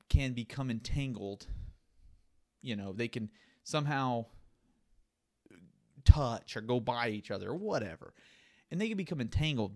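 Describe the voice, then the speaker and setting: A man's voice: mid-range voice, a little mellow. A man hosting a solo podcast, rambling casually while drinking beer and musing aloud. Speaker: podcast host.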